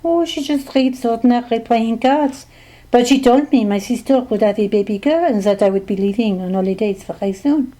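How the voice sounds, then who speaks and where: A woman's voice: a little high, normal speed, close to an everyday voice. A woman voicing a chatty young French flight attendant with a thick French accent, eager to share gossip. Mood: excited gossip. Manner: excited, gossipy.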